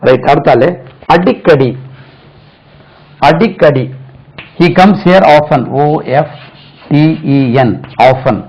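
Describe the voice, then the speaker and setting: Slow, patient male English tutor. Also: a little high, gravelly, a little mellow, muffled recording. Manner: slow, spells words letter by letter and repeats them; drills example sentences slowly, asks "right?" often. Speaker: English teacher. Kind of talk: spoken English lesson in Tamil.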